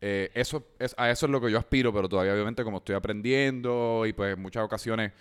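A young man, hosting a podcast in a relaxed, joking way and swearing casually. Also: on the low side, fast, clean tone. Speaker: podcast host.

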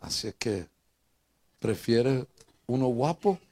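Older man, Puerto Rican accent, pastor, humorous sermon, storytelling, loud bursts and quiet asides, mid pitch. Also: takes it slowly, noisy background. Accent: Puerto Rican Spanish. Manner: lively, joking storyteller who swings between loud bursts and low asides. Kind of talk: humorous preaching with personal stories.

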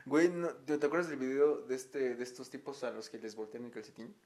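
A man's voice: medium pitch, fairly even intonation, a little fast, a little mellow. A man with a Mexican Spanish accent chatting casually as a podcast co-host, joking in slang and laughing often. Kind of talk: casual chat.

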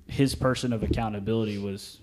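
Low-voiced man, rambling podcast chat. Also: steady tone, brisk, background noise. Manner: rambling, many restarts and fillers. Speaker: podcast co-host.

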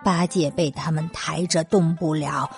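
A woman narrating a classic story for children in a gentle, sing-song manner. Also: deep voice, fairly even intonation, a little slow, vocal fry, faint music behind. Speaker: storyteller host.

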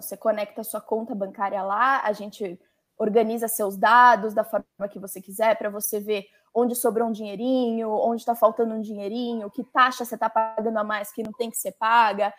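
Brief: young Brazilian woman, guest, chatty and lively, fairly high voice. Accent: Brazilian Portuguese. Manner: chatty, lively, uses many fillers. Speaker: legal coordinator, guest. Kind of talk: conversational interview.

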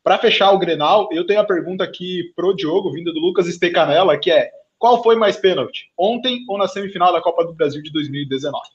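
High-voiced Brazilian man on a muffled, lo-fi stream. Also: brisk, few pauses. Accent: Brazilian Portuguese. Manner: casual, chatty, hands off to co-hosts. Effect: low-quality online stream audio. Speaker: sports show host. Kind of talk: live online football talk stream. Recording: dull lo-fi stream audio.

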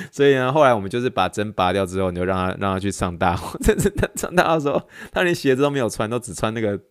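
Fast-talking man, lowish voice. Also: expressive, smooth, dry recording, clean studio sound. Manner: chatty, laughing, self-correcting. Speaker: podcast host, physical therapy intern. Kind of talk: casual storytelling monologue.

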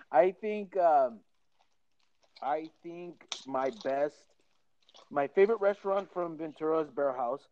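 A man hosts a loose podcast chat and fires off questions with plenty of swearing. His voice is slightly high. The recording is dull and lo-fi, with a faint hiss behind it. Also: takes it slowly, long pauses, a little mellow. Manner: laid-back, profane, asks questions. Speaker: podcast host. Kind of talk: casual interview chat. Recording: dull lo-fi sound with faint noise.

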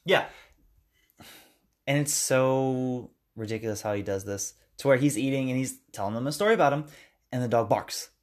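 A man of ordinary pitch talks easily through a film's story, stopping now and then to act out a line. His delivery is relaxed and conversational, the tone of a friend chatting on a podcast. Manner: retells scenes at length, acting out lines in quick character voices. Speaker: podcast co-host recapping a movie. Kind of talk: casual chat.

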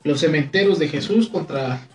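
A man with a Mexican accent who throws in quick wisecracks during casual banter among friends. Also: a little high, faint music behind. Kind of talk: casual crude joking banter. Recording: echoey room, a bit off mic.

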